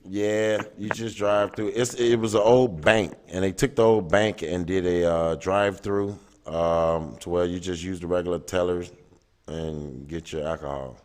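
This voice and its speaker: A man hosting a casual call-in livestream show, talking loosely with many pauses. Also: low voice, fairly even intonation. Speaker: livestream talk show host.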